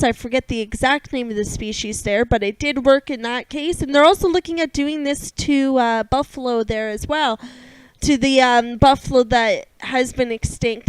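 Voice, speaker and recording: A woman co-hosts a casual news talk show. She talks in a chatty, rambling way, padding her sentences with fillers. Her voice is high. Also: clear, resonant tone, no echo, low-quality recording. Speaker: podcast co-host.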